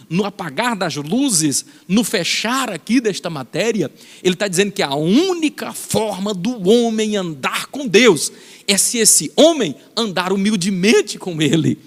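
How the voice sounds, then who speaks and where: A man teaching a Bible lesson in a fervent preaching style, slowing down on key phrases. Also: high-pitched, big-room sound.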